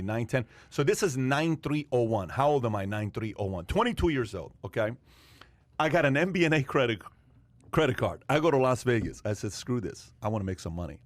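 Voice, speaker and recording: A man's voice: fairly low pitch, dry recording. A man hosting a podcast panel, telling stories with animation and repeating his points for emphasis. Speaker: podcast host. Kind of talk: casual panel chat.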